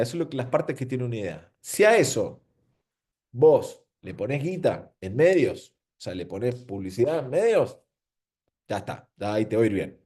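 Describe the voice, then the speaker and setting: Animated Argentine man giving a seminar talk. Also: medium pitch. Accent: Argentine Spanish. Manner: animated, rhetorical questions, slangy. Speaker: marketing speaker. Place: venue with an audience.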